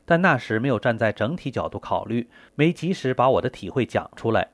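Guy reading a script out loud, voice goes up and down a lot, dry close sound. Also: medium pitch, sing-song, fairly quick, no echo. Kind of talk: reading aloud a scripted text.

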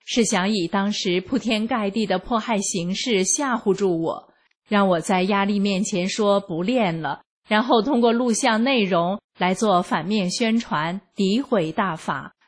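Slow, breathy woman reading a testimony. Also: medium pitch. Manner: slow, measured, earnest reading. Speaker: reader of a personal testimony. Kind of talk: scripted first-person narration.

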